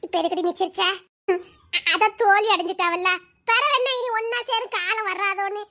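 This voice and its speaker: A woman's voice: very high voice, fairly quick, sharp tone. A woman, playing two teasing girlfriends in a comedy skit with playful, melodramatic chatter. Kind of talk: village comedy skit dialogue.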